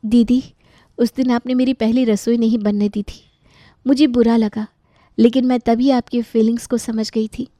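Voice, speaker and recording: Gentle young cartoon sister-in-law played by a woman, sincere, mellow, dry sound. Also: fairly high pitch, little pitch movement, normal speed, dry recording, pitched above the performer's own voice, close to an everyday voice.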